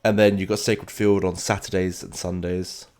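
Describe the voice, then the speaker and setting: A London gaming streamer with a British accent rambles chattily through casual commentary, answering viewers as he plays. His low-pitched voice is level, a little mellow and moderately paced.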